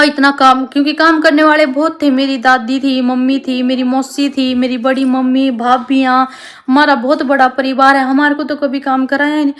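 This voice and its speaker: Woman in her twenties, high voice, flat even delivery, rambling confessional vlog. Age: 20s. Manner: heartfelt, rambling, addresses viewers as sisters. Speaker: family vlogger. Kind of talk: confessional talk to camera.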